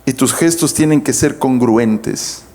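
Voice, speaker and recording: Emphatic male pastor, slow delivery. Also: mid-range voice, a little mellow. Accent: Peruvian Spanish. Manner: emphatic, swings voice up and down, calls out to congregation. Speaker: pastor teaching preaching. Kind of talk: sermon teaching.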